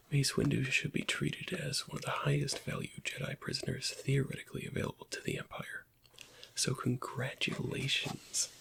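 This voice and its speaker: In a whispered ASMR roleplay, a man plays a weary, bitter Imperial interrogator who questions in a halting, pointed way. His voice is breathy and husky, mid-range and a bit bright.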